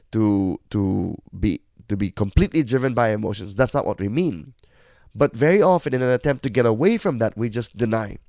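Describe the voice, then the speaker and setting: A man's voice: fairly low pitch, dark tone, no room sound, studio quality. A middle-aged man, hosting a reflective podcast monologue in a candid, self-deprecating, conversational way. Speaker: podcast host.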